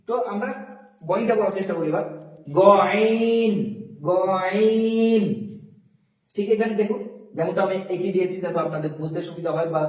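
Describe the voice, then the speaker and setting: High-voiced man teaching Arabic letters. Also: mellow, reverberant, distant mic, rough recording. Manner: drawn-out letter sounds, repeating for learners. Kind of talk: pronunciation lesson.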